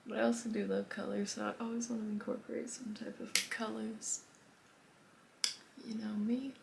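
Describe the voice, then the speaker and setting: A woman's voice: medium pitch, level tone, brisk, creaky, background noise. A woman giving a casual, chatty makeup tutorial, rambling and often dropping to a whisper. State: a bit out of breath. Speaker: makeup vlogger.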